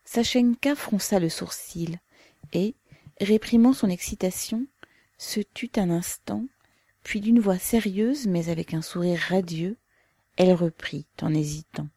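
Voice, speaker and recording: A woman narrating a novel aloud in a measured, even storytelling manner. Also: lowish voice, no echo. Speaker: audiobook reader. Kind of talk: scripted literary narration.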